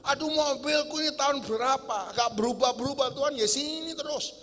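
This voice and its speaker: A man's voice: fairly quick, fairly bright tone, slight background noise. A man voicing a whiny, overwhelmed adult grumbling to God. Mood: exasperated. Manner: high-pitched, exasperated complaining. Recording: echoey church hall, faint music.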